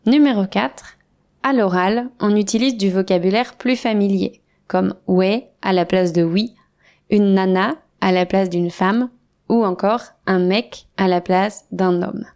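French teacher lady explaining stuff slow and clear, mid-pitched voice, podcast lesson vibe. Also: darkish tone. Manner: clear, deliberate explaining with spoken examples. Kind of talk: scripted language lesson.

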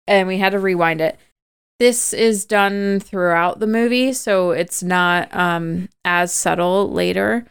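A woman's voice: on the low side, takes it slowly, clear, resonant tone, dry recording, studio quality. A woman podcast host casually retelling a movie plot, chatty and full of "like" and "kinda".

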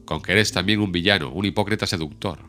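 A man's voice: low voice, fast, bright, forceful tone, soft background music. A man reading the lines of an outspoken woman housekeeper in an audiobook, indignant.

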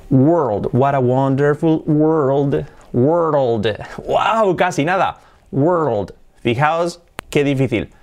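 A man teaching English pronunciation in an animated, playful way, exaggerating his demonstrations. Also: fairly high pitch. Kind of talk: energetic online English lesson.

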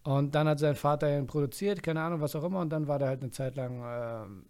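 A man's voice: fairly high pitch, darkish tone. Rambling man co-hosting a comedy podcast. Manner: rambling, quick to slip into mimicry. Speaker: podcast co-host. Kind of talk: casual comedic chat.

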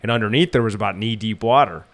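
A podcast host in his thirties chats casually on his outdoors show, sounding nasal from a head cold. His voice is lowish, quick, and fairly bright, and he tells long, rambling stories with restarts.

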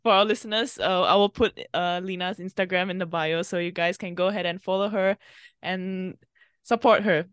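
A woman's voice: fairly low pitch, steady tone, normal speed, clean tone, no echo, studio quality. Giggly young woman hosting a podcast. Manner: warm-hearted, giggly, chatty. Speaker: podcast host. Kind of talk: casual interview chat. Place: video call. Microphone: video call.

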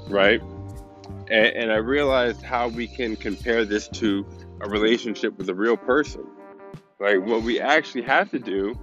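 A man giving a casual, off-the-cuff podcast monologue, conversational and often checking in with the listener. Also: lowish voice. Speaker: podcast host and business coach. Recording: dull lo-fi sound, faint music behind.

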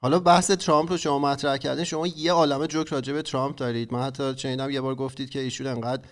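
A man's voice: mid-range voice, level tone. A man hosting a conversational interview, putting questions and comments to his guest. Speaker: interview host.

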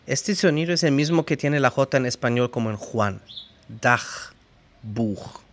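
A man's voice: medium pitch, expressive, a little hiss or hum. Man carefully teaching pronunciation. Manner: slow, careful demonstration of sounds and spelling. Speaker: language teacher. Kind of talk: explaining pronunciation to learners.

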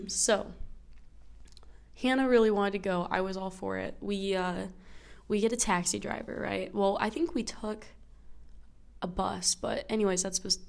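Young woman, podcast host, gravelly morning voice, chatty and self-mocking, clip-on mic. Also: medium pitch, steady tone, unhurried, pauses often, darkish tone. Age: young adult. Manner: chatty, self-deprecating, filler-heavy storytelling. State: groggy morning voice. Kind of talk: casual solo podcast chat. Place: small study room. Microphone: small clip-on lapel mic.

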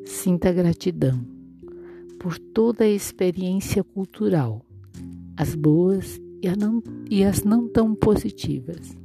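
A woman leading a guided relaxation meditation in a soothing, unhurried, instructing way. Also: on the low side, animated, creaky, mellow. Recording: music playing behind the voice. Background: instrumental music.

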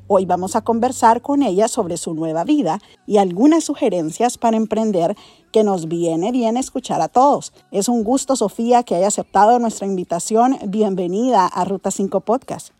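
A woman's voice: medium pitch, lively intonation, normal speed, warm tone. A woman hosting a podcast, reading a scripted intro and asking questions in a polite, formal manner. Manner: formal, polite, uses usted. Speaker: podcast host.

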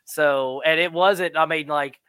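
A man's voice: on the high side, steady tone, a little slow, pushed and bright, clean tone, dry recording. A man, a wrestler on a podcast, joking and defensive in banter. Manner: joking, defensive, laughs often. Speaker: pro wrestler, podcast co-host.

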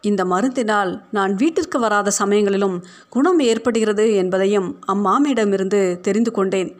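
A woman narrating a short story in a measured, steady storytelling voice. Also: medium pitch. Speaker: story reader.

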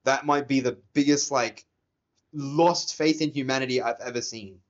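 A young man co-hosting a casual podcast outdoors, rambling and trailing off into quiet asides. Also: medium pitch, steady tone, moderate pace. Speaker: podcast co-host. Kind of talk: casual chat over a game. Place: outdoors in a neighborhood. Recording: slightly dull audio.

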